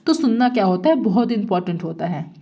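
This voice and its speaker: A woman's voice: mid-range voice, expressive, brisk, creaky, mellow. A woman teacher giving an exam-prep lecture, asking rhetorical questions, answering them herself and repeating each point.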